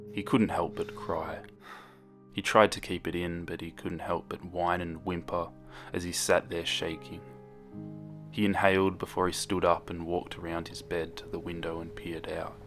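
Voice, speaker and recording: Casting: somber male storyteller, very low and monotone, reading a scripted horror tale. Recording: background music.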